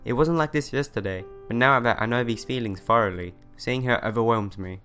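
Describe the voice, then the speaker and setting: Like a let's player, a man reads a visual novel aloud and tosses in casual commentary as game music plays behind him. His voice is mid-range and fairly bright, and he speaks fairly quickly.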